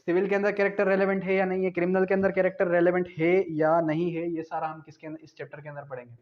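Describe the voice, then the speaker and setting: A high-voiced man with a Pakistani accent talks fast and flatly through an explanatory law lecture, posing questions and then answering them himself in a didactic way. He switches between Urdu and English terms, and the lecture audio is dull and lo-fi.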